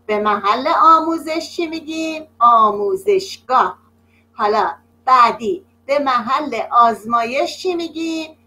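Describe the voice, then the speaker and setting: A woman teaching young children over a video call, her voice high and bright. She speaks slowly and patiently, stretching words out and praising each answer. The sound comes through a video call. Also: animated, rough recording. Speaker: primary school teacher. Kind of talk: online class.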